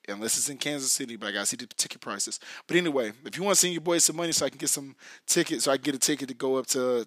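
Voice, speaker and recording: An American man hosting a casual solo podcast in a hoarse, raspy whiskey voice, half lost, rambling and slangy as he addresses listeners directly. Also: medium pitch, pushed and bright, no echo. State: hoarse, losing his voice. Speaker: podcast host.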